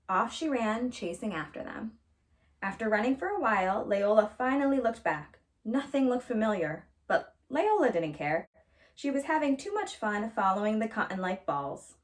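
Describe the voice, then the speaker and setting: A woman with a fairly high voice reads a children's storybook aloud, narrating expressively like a storyteller.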